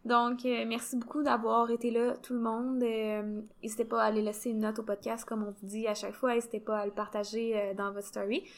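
A woman's voice: on the high side, flat delivery, fairly quick, hardly any pauses. A young woman with a Québécois accent co-hosting a fitness podcast, chatting casually with many "tu sais" fillers. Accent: Québécois French. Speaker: podcast co-host.

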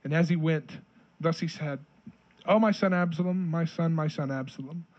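A man's voice: a little high, normal speed, a little mellow, highs cut off. A man co-hosting a casual podcast, reading King James verses aloud and then retelling them jokingly in everyday words. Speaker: podcast co-host reading scripture. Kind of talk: casual Bible reading and discussion.

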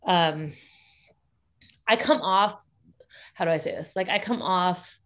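A woman's voice: lowish voice, takes it slowly, a bit bright. A woman talking casually as an interview guest about her work with parents and children, upbeat and laughing often as she speaks. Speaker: guest, parenting educator and school founder.

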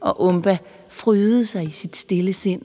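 A woman reading a children's story aloud, expressive and playful. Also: on the low side. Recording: long reverb with music behind.

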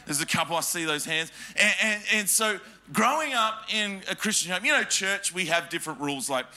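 This is a high-pitched, bright, forceful male voice, expressive and a little fast. It belongs to an Australian pastor preaching in a church hall, telling personal stories, joking with the congregation and frequently asking them questions with emphasis.

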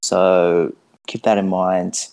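A man's voice: low voice, level tone, slow pace, gravelly, darkish tone, clear, resonant tone. A man co-hosting a podcast in casual, laid-back, matey sports chat. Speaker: podcast co-host.

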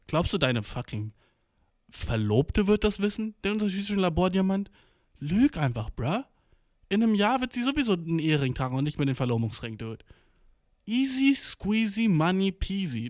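A man's voice: on the high side, no room sound. Slangy young man, dry close sound. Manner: slangy, blunt, sprinkles in English words. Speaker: commentator. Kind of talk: casual reaction to a read-out story.

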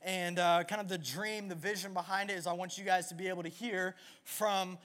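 A man's voice: high-pitched, steady tone, brisk, a bit bright. A man hosting an on-stage interview at a church service, upbeat and joking in a casual way. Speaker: church youth service host.

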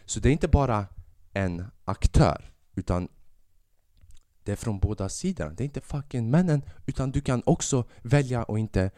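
The host of this casual monologue podcast is a man running a fever who rants, rambles, and swears a lot in an animated way. He speaks at a medium pitch, recorded in a clean studio with no room sound.

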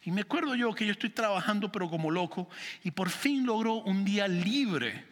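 A man preaching a sermon in church, telling a personal story with animated delivery and asking the congregation questions. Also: sits high, normal speed, long reverb tail. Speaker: pastor.

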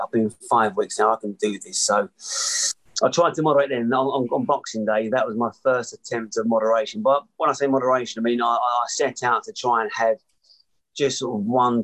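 A man from Essex with an Essex accent speaks as a podcast guest. His voice sits at an ordinary middle pitch, and he tells personal stories in a casual, conversational way. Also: fairly bright tone, low-quality recording. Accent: Essex English. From Essex, England.

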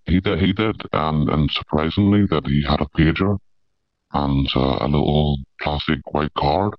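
A man, his voice disguised and pitched very deep, telling his story in an interview, halting with many fillers and restarts. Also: no room sound, highs cut off. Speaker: amateur paedophile hunter.

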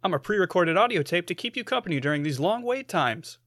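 A man's voice: high voice, animated, quick pace, a bit bright, no echo. A man voicing an overly cheerful pre-recorded hold-music tape that insists on entertaining callers. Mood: overeager. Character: chipper pre-recorded tape, male, pushy.

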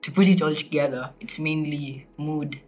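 A man's voice: a little high, steady tone, moderate pace, faint music behind, rough recording. A teenage boy from Kenya answering interview questions in articulate, formal wording. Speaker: child guest.

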